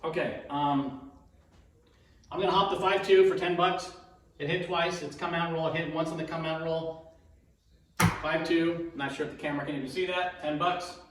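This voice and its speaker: Male demonstrator with a cold, fairly high voice, casual halting play-by-play with repeated calls, recorded in a very echoey room. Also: steady tone. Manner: halting, self-narrating, repeats each call. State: has a cold, throat-clearing. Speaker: dice betting demonstrator. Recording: very echoey room, distant mic.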